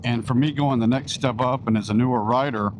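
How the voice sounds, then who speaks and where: A motorcycle vlogger chats casually while riding country back roads, his mid-range voice steady and brisk. A mic inside his helmet encloses the sound and picks up wind and engine noise.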